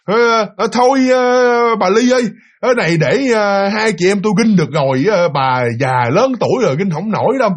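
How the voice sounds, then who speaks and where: A man voicing a quick-witted young girl with a Southern Vietnamese accent, polite and hesitant with fillers. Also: sits high, animated. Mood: cheeky.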